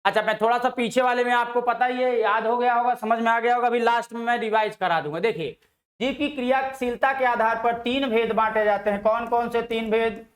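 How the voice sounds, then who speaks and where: A man's voice: very high-pitched, fairly even intonation, a little fast, roomy sound. A male Hindi grammar teacher giving an exam-prep lesson. He asks rhetorical questions, answers them himself and draws out example syllables.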